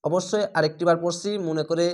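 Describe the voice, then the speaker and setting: Man, high voice, Bangladeshi Bengali accent, recitation teacher, slow syllable-by-syllable drilling, repeats and explains rules. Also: steady tone. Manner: breaks words into syllables, repeats them slowly and explains rules. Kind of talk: step-by-step recitation lesson.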